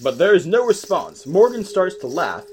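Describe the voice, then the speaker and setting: Man, narrator, script read, stage directions, animated pitch, faint hiss. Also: normal speed. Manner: lively expressive reading.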